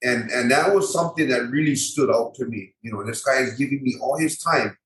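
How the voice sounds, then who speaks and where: Fairly quick and fairly bright, a medium-pitched man with a local Hawaiian accent chats as a podcast guest; he's an MMA fighter and gym owner. He repeats phrases and uses colloquial grammar, and the sound echoes around the room.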